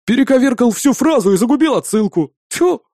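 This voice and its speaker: A rowdy male bartender shrieks and whoops with over-the-top glee, as a narrator puts him on. The voice leaps high and swings wildly. It sounds close and dry. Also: sing-song, normal speed, a little mellow, no room sound, exaggerated voice. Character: exuberant, rowdy male bartender, loud show-off.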